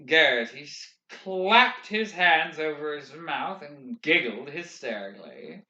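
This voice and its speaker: A man reading a novel aloud in expressive, measured audiobook narration. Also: on the high side. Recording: roomy, dull lo-fi recording.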